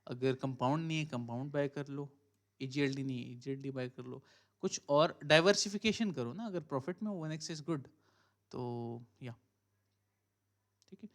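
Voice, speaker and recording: A crypto trading mentor speaks at medium pitch and normal speed while hosting a live stream. Casual and thinking aloud, he works through trading charts, dropping English phrases into his Hindi-Urdu along with many fillers and "ठीक है".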